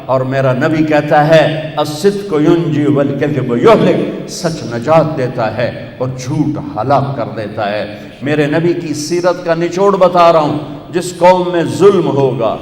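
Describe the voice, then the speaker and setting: A man's voice: a little high, a little mellow. Preacher man in an echoey hall. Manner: rhythmic, emphatic lists with rising repetition. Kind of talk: Urdu sermon. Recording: echoey hall with long reverb.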